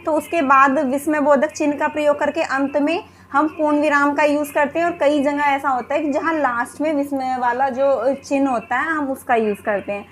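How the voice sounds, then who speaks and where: A woman's voice: sits high, fairly even intonation, normal speed, hardly any pauses, a little hiss or hum. A woman teaching a Hindi grammar lesson for exam preparation, who poses questions and then answers them herself, often saying "ठीक है". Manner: repeats "ठीक है" as a filler.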